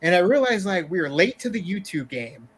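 Animated man with a slightly high voice. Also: fairly quick, slightly rough. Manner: animated, laughs often, trails off mid-sentence. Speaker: podcast guest, co-creator of a YouTube channel. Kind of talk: casual chat.

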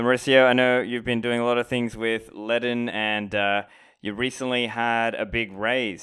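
Deep-voiced male podcast host. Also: fairly bright tone, clean tone. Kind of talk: scripted intro and ad reads, then interviewing.

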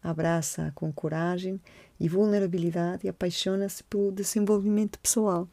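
A woman in her forties from Colombia, hosting a podcast and gently telling her own story, reflective and hesitant. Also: lowish voice, steady tone, normal speed, no room sound. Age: 40s. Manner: gentle, reflective, with frequent hesitations and repeated words. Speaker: podcast host. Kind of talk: personal storytelling monologue.

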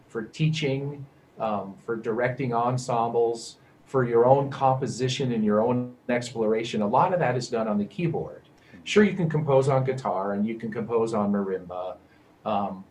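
A man who teaches percussion, explaining music degrees in a measured, explanatory way. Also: medium pitch, a little mellow, a little hiss or hum, low-quality recording. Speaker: music professor. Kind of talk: conversational interview.

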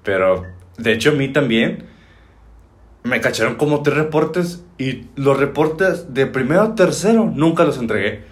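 A Mexican man in a casual chat, relaxed, asking short questions and adding his own stories. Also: medium pitch, a little slow. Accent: Mexican Spanish. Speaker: podcast co-host.

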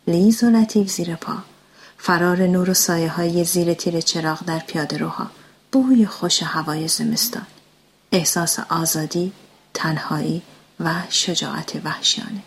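Woman narrating a story in hushed tones. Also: lowish voice, steady tone, a little hiss or hum. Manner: hushed, often whispered reading.

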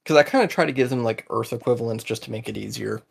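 A man's voice: mid-range voice, fast talker, creaky, slightly rough. A man running a tabletop game as game master, explaining things in a rambling, hesitant way.

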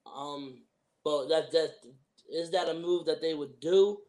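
A man's voice: on the high side, measured pace, a little mellow. A young man hosting a sports podcast, giving opinions in emphatic, casual frat-bro slang.

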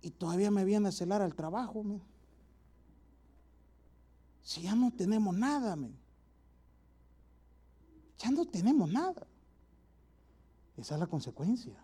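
High-voiced preacher man with a mellow tone. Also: animated, moderate pace, pauses often, breathy edge. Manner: direct, exhorting, rhetorical questions to the listener. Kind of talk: sermon.

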